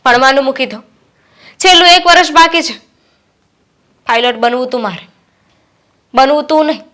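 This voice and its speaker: A woman's voice: sits high, moderate pace, fairly bright tone. An actress playing a young student daughter who reproaches her father firmly and is set on finishing her studies. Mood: determined. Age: young adult. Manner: reproachful, firm. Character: student daughter, resentful and determined. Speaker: daughter studying to be a pilot. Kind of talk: Gujarati short-film acting.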